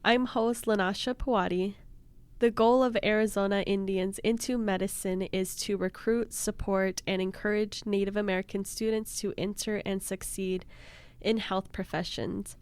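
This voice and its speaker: A woman's voice: mid-range voice, fairly even intonation, normal speed, darkish tone, clear, resonant tone. A woman hosting a radio interview in the studio, encouraging her guest with frequent mm-hmms. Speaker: radio host.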